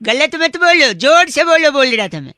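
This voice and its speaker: A man voicing a cheeky young male prank caller who teases, giggles and keeps pestering someone to speak louder. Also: very high-pitched, very animated, moderate pace, heavy background noise. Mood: teasing.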